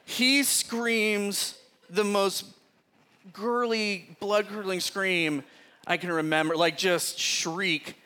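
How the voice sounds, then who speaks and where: Bright-voiced, lively man preaching. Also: high-pitched, slow pace, clear, resonant tone. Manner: animated, chatty storyteller who often laughs mid-sentence. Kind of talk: casual sermon with personal storytelling.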